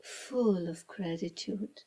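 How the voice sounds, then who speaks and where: A woman with a medium-pitched voice reads her own children's story in slow, dramatic storybook style, using hushed, breathy phrases and deliberate pauses.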